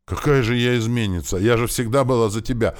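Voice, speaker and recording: A man's voice: expressive, moderate pace. A man voicing a desperate, defiant noblewoman who pleads with her son, in an audiobook. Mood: pleading. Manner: pleading, rising to shrill defiance. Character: desperate aging noblewoman, a prince's mother, defiant.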